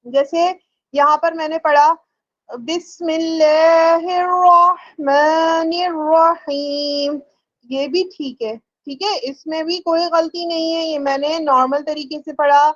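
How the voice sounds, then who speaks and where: A woman teaching a religious lesson to women, patient and repetitive, breaking into slow drawn-out chanted recitation for examples. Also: sits high, steady tone, lo-fi sound. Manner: patient, repeats ticks of "ٹھیک ہے".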